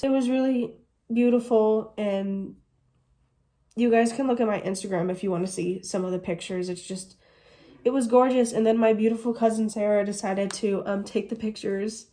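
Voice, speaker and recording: A mellow, mid-range female voice belongs to an American woman in her twenties who is vlogging. She chats casually through a Q&A video, gushing as she goes and saying "literally" a lot.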